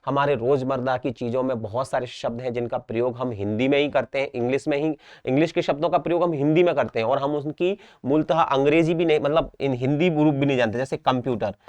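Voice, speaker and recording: Quick and with hardly any pauses, a young teacher from India speaks in a mid-range, somewhat dark voice with a Rajasthan Hindi accent. In his exam-prep class he drills each word repetitively and checks understanding; the lo-fi recording has no echo.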